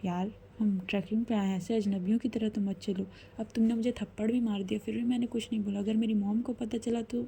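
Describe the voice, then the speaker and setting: A woman's voice: mid-range voice, fairly even intonation, brisk, gravelly, hardly any pauses, mellow, slight background noise, natural voice. Woman reading as a teasing young woman. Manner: jokey, lightly defensive.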